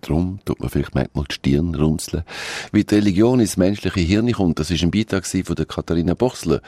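A man's voice: low-pitched, mellow, dry recording. A man, presenting live on radio in a loose way, correcting himself as he goes.

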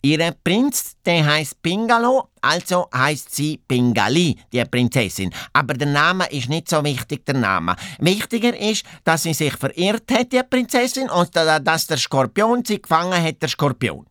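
A man voicing a boastful, cowardly male hare knight in a children's story, with a high excited voice that repeats its phrase ends. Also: unhurried, few pauses, no room sound, clean studio sound. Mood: chatty.

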